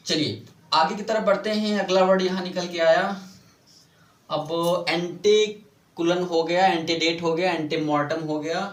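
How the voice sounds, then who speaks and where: बुलंद आवाज़ वाले पुरुष शिक्षक, गूंजता कमरा. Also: male voice, sits high, fairly bright tone, roomy sound. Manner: explains slowly, repeats words and asks the class questions. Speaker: English teacher. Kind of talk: Hindi-English vocabulary lesson.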